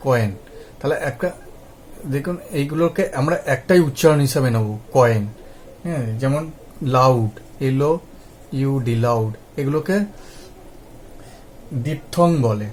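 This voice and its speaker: A man's voice: on the high side, a little mellow, a little hiss or hum. Man teaching English spelling. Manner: spells words letter by letter, repeats them, frequent checks. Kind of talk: spoken lesson.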